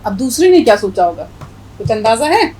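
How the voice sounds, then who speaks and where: Teacher: woman, measured and precise, spells words out patiently, slightly high voice. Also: big pitch swings, darkish tone, slight background noise, poor audio. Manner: slow, clear, spells out letters deliberately. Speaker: Urdu teacher. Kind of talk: language lesson with story reading.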